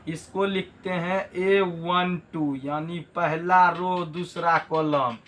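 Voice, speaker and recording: Fairly high-voiced teacher. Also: male voice, steady tone, takes it slowly, a bit bright. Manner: keeps asking students rhetorical questions and repeating key terms. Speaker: math teacher. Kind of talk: classroom lesson.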